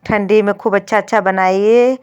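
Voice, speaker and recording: A woman's voice: mid-range voice, steady tone, moderate pace, a little mellow, clear, resonant tone, dry recording, dull audio. A woman, chatting homely to viewers through her daily-routine vlog. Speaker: vlogger, housewife.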